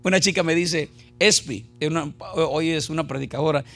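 A man's voice: a little high, normal speed, creaky, a bit bright, soft background music. A man preaching a sermon in a church, asking the congregation rhetorical questions and telling humorous anecdotes. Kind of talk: Spanish-language sermon with call-and-response.

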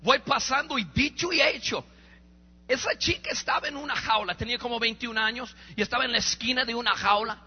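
A man preaching a sermon as a story, animated and acting out voices, stammering when excited. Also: very high-pitched, a little fast, breathy edge. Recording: reverberant hall, dull lo-fi sound.

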